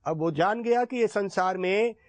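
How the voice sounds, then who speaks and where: A man telling a moral story in a sermon, narrating in an animated, dramatic way. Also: high-pitched, moderate pace, dry recording. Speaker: monk storyteller.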